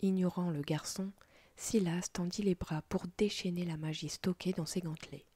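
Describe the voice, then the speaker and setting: A woman telling a story as a whispered role-play, in a breathy unvoiced whisper with soft, slow delivery. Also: fairly low pitch, fairly even intonation, dry recording.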